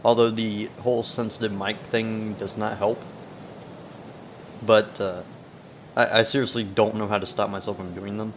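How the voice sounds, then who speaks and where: A man giving casual, rambling gaming commentary, haltingly trailing off mid-thought, with whistling S sounds. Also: lowish voice, flat delivery, a bit bright. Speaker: video game let's player. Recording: noticeable background noise, sensitive mic.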